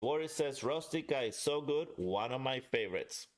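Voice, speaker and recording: Male livestream host, medium pitch, casual and chatty, talks straight to the audience. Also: expressive, moderate pace. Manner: chatty, addresses viewers directly. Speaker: livestream host and pipe reviewer. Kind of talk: casual live chat with viewers.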